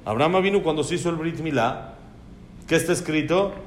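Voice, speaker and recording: A man's voice: fairly high pitch, fairly quick, a little hiss or hum. A man teaching a religious lesson on prayer, posing questions and answering them himself. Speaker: Torah teacher.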